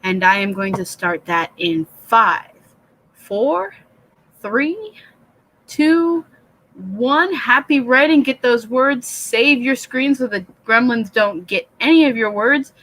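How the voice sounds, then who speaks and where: A woman hosting a late-night writing livestream from a home computer, chatting in a low, soothing voice, rambling and self-deprecating as she reads out the chat. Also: unhurried, hardly any pauses, poor audio. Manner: speaks low and soft, said to sound soothing. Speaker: livestream host of a writing session. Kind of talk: casual live-stream chat. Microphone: computer webcam mic.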